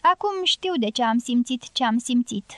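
Lady reading as a soft earnest young girl, high voice, close dry sound. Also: animated, no room sound. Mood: tender. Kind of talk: audiobook character voice.

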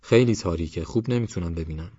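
Brief: blunt, foul-mouthed male truck driver in a storybook reading, a man reading him, low voice, muffled sound. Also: no echo. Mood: grumbling. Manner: rough colloquial speech, cursing. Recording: slightly muffled, soft music behind.

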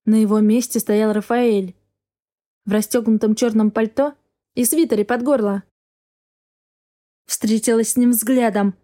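A woman narrates a first-person novel as an audiobook. Her voice sits somewhat higher than most women's, and her reading is emotional and expressive. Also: unhurried, pauses often. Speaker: audiobook reader.

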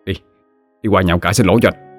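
A man voicing an anxious elder brother, a poor farmer who urges in a hushed way. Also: low-pitched, fairly even intonation, fast talker, faint music behind. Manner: hushed, urging.

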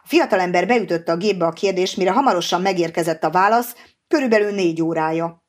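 Woman narrating an audiobook, lowish voice. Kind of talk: scripted narration.

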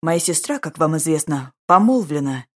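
A woman's voice: sits low, lively intonation, moderate pace. A woman voicing an indignant young aristocratic brother in an audiobook, speaking in a hissing, gloomy voice. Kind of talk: audiobook character voice.

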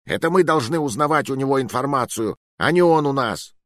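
A man's voice: mid-range voice, lively intonation, brisk, no room sound, studio quality, voice pushed up, close to an everyday voice. A man voicing a short, fat, hot-tempered rogue who snaps and grumbles, in an audiobook. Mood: irritable. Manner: snappish, grumbling. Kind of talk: audiobook narration.

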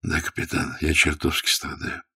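A man's voice: sits low, normal speed, heavily acted. A man doing a weak, defiant dying captain. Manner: quiet, breathy, dismissive. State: weak and fading. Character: dying wounded male captain, defiant and scornful.

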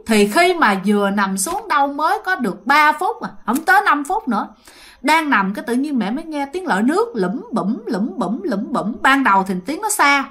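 Brief: Southern Vietnamese woman, slightly high voice, casual chatty ghost-story teller addressing listeners. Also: sharp tone.

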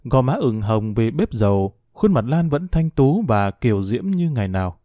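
A man narrating a first-person story in a measured, reflective, melancholy reading. His voice is mellow and mid-pitched, and the recording is dry and close. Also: sing-song, dry recording.

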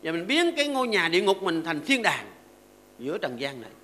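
An older monk preaches in a high voice with a bright, forceful edge. He teaches through homely stories and short verses, and he keeps stopping to ask his seated listeners to agree. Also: very animated, fairly quick. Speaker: Buddhist monk giving a dharma talk. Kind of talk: sermon to a seated audience.

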